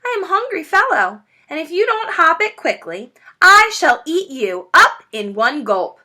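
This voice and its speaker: A sly, confident father fox from a children's tale played by a woman. He is suave and likes to give orders, in a bright voice with plenty of swing. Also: extremely high pitch, very animated, a little slow, pitched above the performer's own voice, exaggerated voice. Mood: sly, threatening. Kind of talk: children's storybook character reading.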